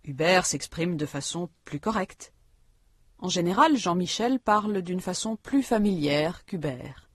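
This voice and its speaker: Woman, instructional narrator, calm explanatory reading, breathy low voice, dry booth. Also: a little slow, no room sound. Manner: calm, explanatory teacher delivery. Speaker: language-course narrator.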